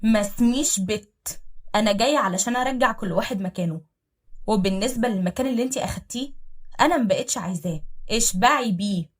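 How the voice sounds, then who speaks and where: This is a woman voicing a dignified young mother in an audio story, calm and firm, measured in how she speaks. Her Egyptian Arabic is quick with a slightly husky tone. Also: medium pitch, lightly acted. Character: gentle, dignified young mother who forgives.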